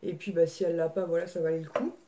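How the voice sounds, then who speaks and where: A woman's voice: fairly low pitch, little pitch movement, quick pace, dark tone. A woman, chatting casually in a haul vlog at home, with many fillers and a scratchy throat. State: slight throat irritation. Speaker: vlogger.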